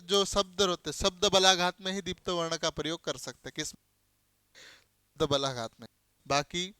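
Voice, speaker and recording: A man teaching a grammar class in a high, crisp voice. He keeps asking the class questions and then answering them himself, hammering home each key term. The sound is dry and close, with no room around it. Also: bright, forceful tone, no room sound. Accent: Hindi. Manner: explains by spelling out letters and giving everyday examples.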